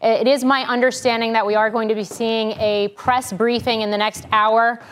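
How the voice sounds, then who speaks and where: An American woman anchoring and reporting live business and breaking news in a measured, careful way. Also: fairly high pitch, flat delivery.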